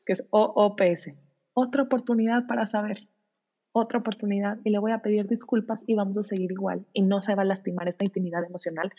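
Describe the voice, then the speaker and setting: A woman, a guest on an interview podcast, talking in an animated way and acting out parent-child dialogues. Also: medium pitch, slightly rough. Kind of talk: conversational interview. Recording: dull lo-fi sound.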